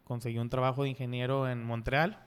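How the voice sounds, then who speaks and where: Invitado mexicano de treinta y tantos, voz limpia y resonante, tono relajado y bromista. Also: male voice, medium pitch, flat delivery, fast talker, smooth. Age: 30s. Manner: laid-back, slangy, joking. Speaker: podcast guest. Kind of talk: casual conversational interview.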